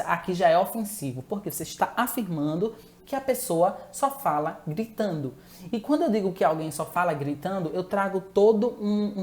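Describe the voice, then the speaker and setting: A woman's voice: mid-range voice, darkish tone. A woman giving a chatty live-streamed talk on relationships, asking viewers to answer and often correcting herself mid-sentence.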